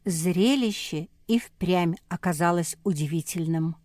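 A woman narrating a children's storybook in a calm, even reading voice. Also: on the low side, a little slow, no room sound, clean studio sound.

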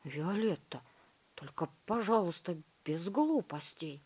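Proud storybook dad read by a woman: stern, blustering, lower and slow. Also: expressive, a little mellow, slightly rough, full character voice. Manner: stern then boastful, lower voice. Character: proud, blustering middle-aged father.

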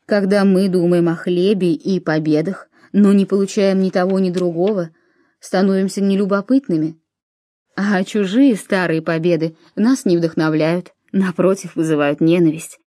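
A woman's voice: fairly low pitch, steady tone, moderate pace, warm tone, no room sound, clean studio sound, close to an everyday voice. A woman reading as a weary, aging Roman commander. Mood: grave.

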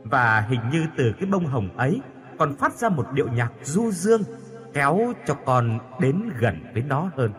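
A man's voice: mid-range voice, sing-song, moderate pace, soft background music. A man voicing a tender ghost daughter. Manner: soft, pleading. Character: young dead daughter, tender spirit.

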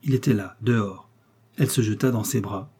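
A man reading a classic novel aloud in measured, expressive narration. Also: fairly low pitch, slightly rough. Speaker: audiobook reader. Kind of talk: scripted literary narration.

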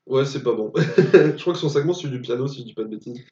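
A man's voice: medium pitch, fast, mellow. A man co-hosting a casual film podcast, blunt and opinionated. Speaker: podcast co-host. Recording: echoey room, distant dull mic.

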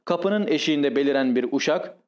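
A man narrating a classic short story as an audiobook, calm and measured. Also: fairly high pitch. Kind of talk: scripted narration.

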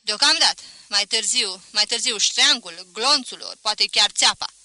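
A woman reading a novel voices a fanatical young male student who speaks in loud threats. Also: mid-range voice, no echo. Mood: menacing.

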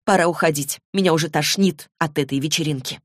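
A heated young girl, pleading one moment and indignant the next, as a woman reads her in an audiobook. The voice sits higher and louder than the narration. The studio sound is dry and close. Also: brisk, no echo. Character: young girl Clary, impulsive and protective.

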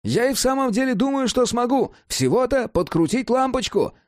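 A jittery male monster hunter from an audiobook, his voice jumping high and thin with excitement, as a man puts him on. He talks in quick, agitated bursts and rides his pitch all over the place. The recording is close and dry. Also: no room sound. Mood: excited. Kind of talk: audiobook character voice.

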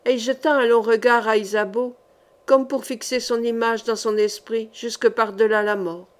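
Woman narrating a historical novel. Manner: calm, measured narration, lowering her voice for characters. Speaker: audiobook reader. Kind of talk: reading a historical novel aloud.

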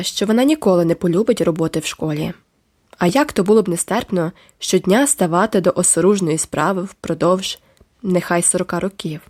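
A woman reading a classic novel aloud as an audiobook narrator, in a measured, expressive way. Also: lowish voice, no echo, studio quality. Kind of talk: scripted literary narration.

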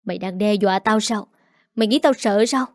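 A woman's voice: mid-range voice, brisk, dry recording, studio quality, natural voice. A woman voicing a domineering, scheming middle-aged mother-in-law who talks in a harsh, scolding, contemptuous way. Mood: menacing.

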